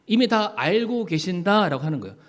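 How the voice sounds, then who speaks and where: A male pastor, preaching a sermon earnestly and often rising and slowing for emphasis. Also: sits high, big pitch swings.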